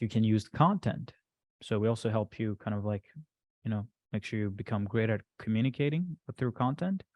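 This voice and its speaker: A man's voice: lowish voice, a little mellow, dry recording. Chatty man coaching a group, dry sound. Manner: loose and chatty, many fillers and "right?" checks. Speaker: business coach presenting to a group. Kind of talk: casual workshop presentation with screen share.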